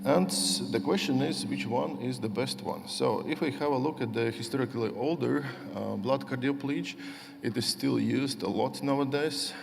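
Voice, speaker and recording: A middle-aged man from Latvia giving a conference lecture, speaking haltingly with many fillers and restarts. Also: medium pitch, vocal fry, background noise. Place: large conference hall. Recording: long hall reverb.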